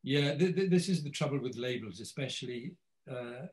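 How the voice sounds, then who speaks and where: Guy on a video panel, stumbles and restarts a lot, repeats words, middle-pitched voice. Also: animated, moderate pace, darkish tone, rough recording. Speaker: co-author and panel guest. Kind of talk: academic panel conversation.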